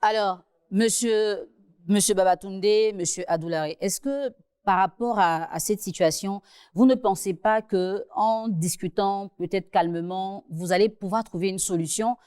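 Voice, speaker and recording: A woman hosting as a mediator, asking two men to settle a dispute, speaking calmly and slowly. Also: mid-range voice, smooth, dry recording, studio quality. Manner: calm, slow, measured. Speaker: mediator host.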